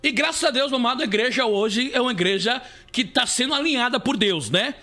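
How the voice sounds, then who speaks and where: A man's voice: very high voice, lively intonation, fairly quick, sharp tone. A man with a Brazilian Portuguese accent, a bishop giving a live preaching testimony, repeating himself and calling listeners beloved. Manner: repetitive, calls listeners "beloved", many restarts.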